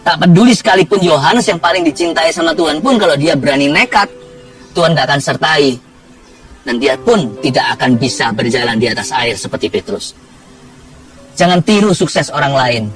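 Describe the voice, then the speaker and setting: High-voiced man preaching a lively sermon. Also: normal speed, far from the mic, soft background music. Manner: lively preaching with humor and acted quotes. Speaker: pastor.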